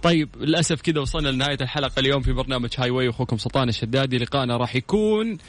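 A man hosting a live call-in radio show, greeting listeners and chatting with callers. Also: medium pitch. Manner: warm greetings, quick lively banter with callers. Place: radio studio.

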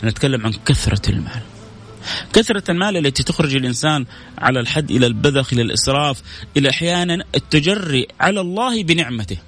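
A man's voice: on the high side, expressive, fast, fairly bright tone. A man preaching in a live-streamed religious talk, speaking to his listeners directly and repeating phrases for emphasis. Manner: conversational, addresses listeners directly.

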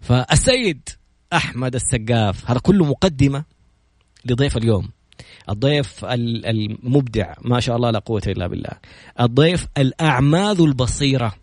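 A man hosting a podcast in a casual talk style, reciting prayers and then telling stories in a lively, chatty way. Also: medium pitch, no room sound. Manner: opens with recited prayers, then brisk storytelling; lively and chatty, jokes with the guest. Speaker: podcast host. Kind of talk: casual talk show introducing a guest.

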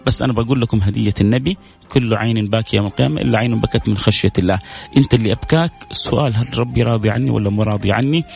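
Fast gravelly man on radio. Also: fairly low pitch, faint music behind. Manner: warm, devout, reads out messages and answers them with prayers. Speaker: radio show host. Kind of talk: call-in radio show reading listener messages. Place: radio studio. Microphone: studio microphone.

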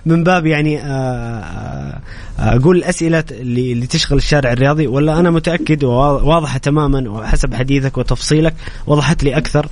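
A man's voice: medium pitch, quick pace, darkish tone, dry recording. A man hosting a radio sports show, interviewing in a conversational way.

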